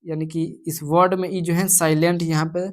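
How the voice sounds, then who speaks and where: A woman with an Indian accent teaching English pronunciation rules, going slowly through example words one at a time and repeating them. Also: lowish voice, level tone. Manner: slow, repetitive, spells out words one by one. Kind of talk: slow classroom explanation in Hindi.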